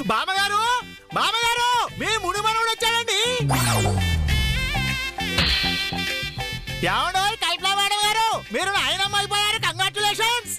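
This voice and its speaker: An actor playing a fussy, excitable male household servant in a TV serial comedy, gushing and fawning in sing-song outbursts. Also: very high-pitched, fairly quick. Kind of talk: Telugu TV serial comedy acting. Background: loud serial background music.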